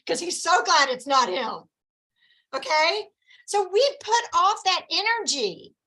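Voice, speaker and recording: A woman coaching her sales team in a lively, chatty, encouraging way, with folksy asides. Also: very high-pitched, slow, low-quality recording.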